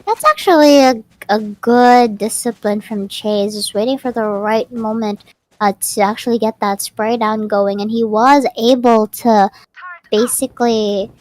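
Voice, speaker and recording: Female esports caster, high bright voice, rapid animated play-by-play. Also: no room sound. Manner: quick, animated calls with frequent restarts. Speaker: esports shoutcaster. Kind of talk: live play-by-play game commentary.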